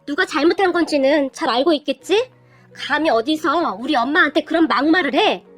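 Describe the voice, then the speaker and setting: A stubborn, sharp-tongued young daughter, played by a woman reading the story. She talks back in a cutting, sarcastic way, with a high, lively voice. Soft music sits behind her. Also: fairly quick.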